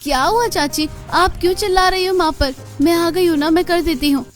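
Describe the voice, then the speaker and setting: A woman voicing a kind, hardworking poor young woman in a cartoon, earnest and gentle. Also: extremely high pitch, brisk, faint music behind. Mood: caring. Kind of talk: cartoon voice acting.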